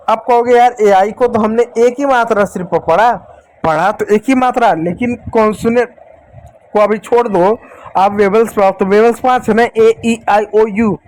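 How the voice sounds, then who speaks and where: A man with a fairly high voice teaches a beginner lesson to children. He talks to them directly and repeats each rule. He draws out individual letter sounds slowly so they can follow. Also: darkish tone. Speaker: English teacher. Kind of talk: classroom-style lesson.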